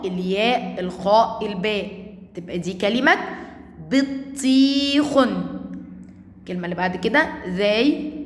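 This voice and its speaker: A woman with an Egyptian Arabic accent giving a recorded lesson to young schoolchildren, stretching out each word slowly so they can repeat it. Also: medium pitch, roomy sound, in a large hall. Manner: slow, drawn-out words for children to repeat. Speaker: primary school teacher.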